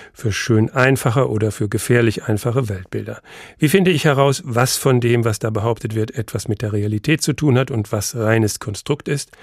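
A man hosting a radio culture program, announcing topics in a smooth, scripted way. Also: mid-range voice, darkish tone, dry recording, studio quality. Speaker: radio host. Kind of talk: radio magazine moderation.

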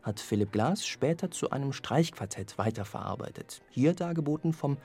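A man reading a scripted radio review of an orchestral album in a measured, evaluative way. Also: medium pitch, expressive, creaky, a little mellow, breathy edge. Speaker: music critic.

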